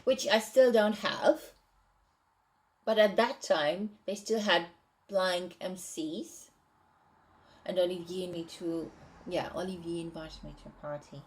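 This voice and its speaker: A woman reads from her novel draft and talks it over, hesitant and pausing to rethink her wording. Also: on the low side. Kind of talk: casual reading and commentary.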